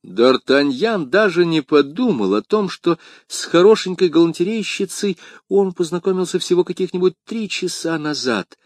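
A man reading a historical adventure novel aloud as an audiobook narrator, with dramatic, expressive storytelling. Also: sits high, moderate pace, no room sound, clean studio sound. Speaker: audiobook reader. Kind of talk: scripted narration.

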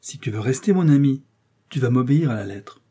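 A sharp, commanding detective, read by a man gives orders in curt, authoritative questions. The voice is husky and dark-toned, and the part is told as an audiobook. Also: medium pitch, lively intonation, brisk. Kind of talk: audiobook character reading.

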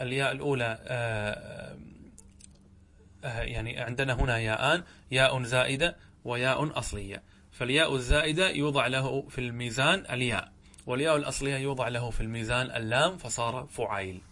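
A man teaching Arabic grammar to a class. He speaks slowly and deliberately, drawing out example words, repeating them, and asking the class questions. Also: mid-range voice, a bit bright. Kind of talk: classroom lesson explaining a text.

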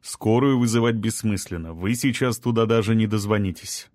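A man's voice: fairly low pitch, normal speed, darkish tone, no echo, clean studio sound, close to an everyday voice. A man reading the lines of a composed rescuer who gives firm orders in an audiobook. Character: calm, commanding male rescuer.

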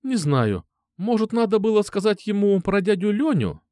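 A man's voice: high-pitched, very animated, normal speed, mellow, no room sound, studio quality, pitched above the performer's own voice. A man reading an audiobook, voicing a caring, chatty middle-aged mother in a raised voice. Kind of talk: audiobook character voice.

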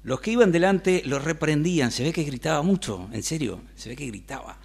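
Man, Rioplatense accent, gravelly conversational sermon delivery in a church. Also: a little high, expressive, brisk. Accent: Rioplatense Spanish. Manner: conversational, asks the congregation questions. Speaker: preacher.

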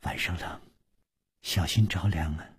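A man voicing a gentle, frail young woman who speaks softly and tenderly. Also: fairly low pitch, sing-song, slow pace, breathy edge, dry recording, studio quality, voice pushed down, exaggerated voice. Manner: soft, tender, half-whispered.

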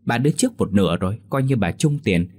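A man's voice: fairly low pitch, expressive, fast, a little mellow. A man voicing a stingy, bad-tempered middle-aged village man who grumbles and scolds. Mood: scheming.

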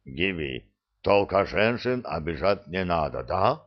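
A man voicing a mild, sly male gnome, speaking softly. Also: big pitch swings, unhurried, lo-fi sound, full character voice. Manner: low, soft, conciliatory.

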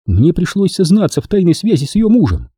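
A man voicing a playful, chatty young woman who teases her lover, raising his pitch high. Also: huge pitch swings, a little fast, warm tone, breathy edge, no room sound, studio quality, heavily acted. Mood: teasing. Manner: chatty, teasing.

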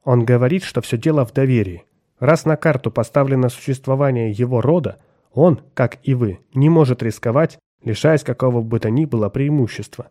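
A man's voice: medium pitch, brisk, warm tone, natural voice. A man reading an audiobook, voicing a dutiful interpreter who relays an alien captain's words in a subdued, formal way.

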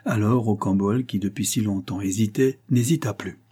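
A man narrating a classic novel as an audiobook, in a measured literary reading. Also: lowish voice, warm tone, breathy edge. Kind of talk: scripted narration.

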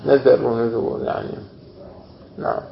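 A man's voice: mid-range voice, little pitch movement, moderate pace, vocal fry, slight background noise. A man teaching as a sheikh, explaining a classic text word by word and checking with a yes. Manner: explains word by word, often saying yes and you mean. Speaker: sheikh teaching Quranic exegesis. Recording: roomy, dull lo-fi room recording.

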